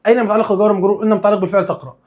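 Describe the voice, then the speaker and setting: Egyptian male teacher, high voice, rapid-fire quizzing delivery, joking asides to students. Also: fairly even intonation, darkish tone. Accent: Egyptian Arabic. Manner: drills students with repeated questions and answers; casual, playful asides. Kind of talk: religious studies lesson.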